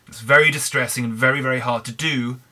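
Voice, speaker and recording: Hoarse British man rambling over gameplay. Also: mid-range voice, fairly even intonation, fast, sharp tone. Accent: British English. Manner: rambling, chatty, frequent restarts. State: hoarse, croaky throat. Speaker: Minecraft let's player. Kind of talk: casual gameplay commentary.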